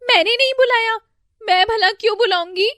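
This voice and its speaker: In a storybook tale, a woman plays an anxious, quick-to-panic older mother-in-law whose speech is shrill, pleading and wailing. She keeps a moderate pace, and the recording is clean studio audio without echo.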